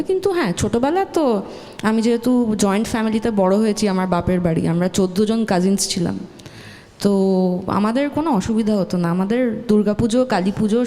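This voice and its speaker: Mellow woman, candid chat. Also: on the high side. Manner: candid, cheerful, chatty. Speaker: singer guest. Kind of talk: casual chat. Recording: long hall reverb.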